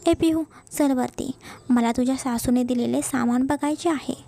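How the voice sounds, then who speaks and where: A woman's voice: sits high, normal speed, gravelly, mellow. Woman voicing a caring, bossy mother. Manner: affectionate, scolding. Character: caring middle-aged mother, warm and bossy. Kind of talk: storybook narration.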